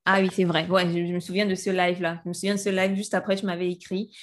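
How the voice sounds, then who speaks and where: A podcast host chats in a friendly, casual way, often repeating words while she hunts for the next one. Her voice is lowish and level, and she talks fast.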